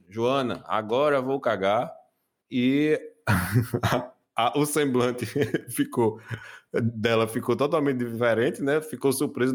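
Chatty podcast host, laughing. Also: male voice, medium pitch. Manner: jokey storyteller, laughing often. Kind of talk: casual podcast chat.

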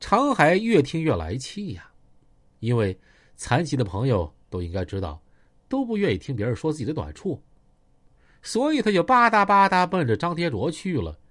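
A man's voice: fairly high pitch, huge pitch swings, normal speed. A man narrating a story in a chatty, vivid colloquial manner, with asides to the listener.

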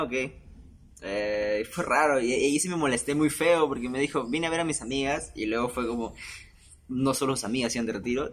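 A man's voice: medium pitch, a little hiss or hum. A young man, hosting a podcast and telling a personal story in a chatty, self-mocking way, often laughing between phrases. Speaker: podcast host. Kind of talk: casual storytelling monologue.

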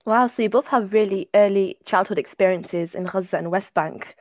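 A woman's voice: medium pitch, normal speed, darkish tone, no echo. Young woman host on a podcast, friendly, dry close sound. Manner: friendly interviewer, short backchannels. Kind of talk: casual podcast interview.

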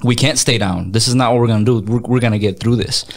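Man in his thirties, from mexico, interview guest, energetic, mid-pitched, restarts and repeats himself. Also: fast, vocal fry. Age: 30s. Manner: energetic, repeats words, mixes in Spanish phrases. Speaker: guest, music artist and businessman. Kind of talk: casual interview chat.

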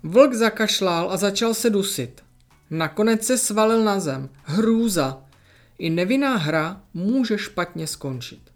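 A storyteller narrating a children's story in a lively, expressive way. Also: medium pitch, soft background music.

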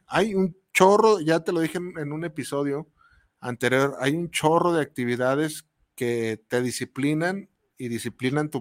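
A man's voice: a little high, no room sound, clean studio sound. A man with a Mexican accent hosting a podcast, talking in a casual, slangy and rambling monologue and acting out the people he quotes. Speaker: podcast host.

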